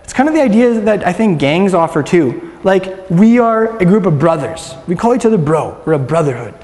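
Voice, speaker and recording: A man's voice: sits high, big pitch swings, normal speed, darkish tone. Upbeat man teaching a group in a reverberant hall. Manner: chatty, upbeat, filler-heavy, has the room repeat words. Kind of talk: casual interactive Bible teaching. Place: room with a group of listeners.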